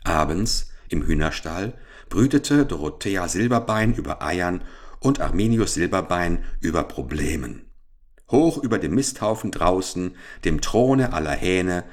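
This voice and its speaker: A man narrating a children's story in a calm, measured, gently ironic way. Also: deep voice.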